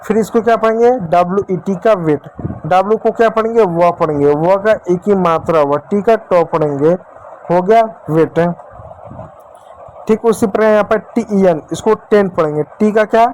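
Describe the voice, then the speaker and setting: A man's voice: high voice, moderate pace, darkish tone, a little hiss or hum, poor audio. Man drilling phonics with repeated questions. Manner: repetitive question-and-answer drilling, addresses viewers as dear children. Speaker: English teacher. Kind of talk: Hindi-medium English phonics lesson.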